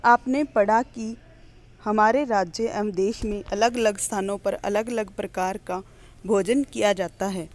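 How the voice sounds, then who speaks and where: A woman teacher, reading a primary school lesson aloud slowly and clearly, pausing between the items of each list. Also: medium pitch, fairly even intonation. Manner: slow, clear classroom reading with list-like pauses.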